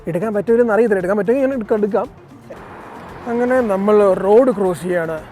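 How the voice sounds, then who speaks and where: A man's voice: sits high, fast, warm tone, faint music behind. A man with a Malayalam accent vlogging casually to his viewers, mixing English words into his Malayalam as he narrates his trip. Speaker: travel vlogger. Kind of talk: casual vlog commentary to viewers. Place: on a city bus and busy streets outdoors.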